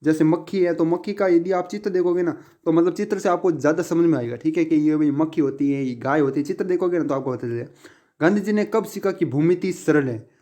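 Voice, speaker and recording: A man's voice: fairly high pitch, fast, mellow. A man teaching exam questions, often asking a question and answering it himself. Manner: repetitive, asks and answers his own questions. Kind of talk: casual exam-prep lesson.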